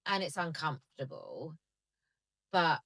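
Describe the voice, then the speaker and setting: A woman with a low voice trades jokes on a comedy podcast, blunt and playful with an animated delivery. The sound is dry and close, with no room around her. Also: measured pace, no room sound. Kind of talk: casual comedic chat.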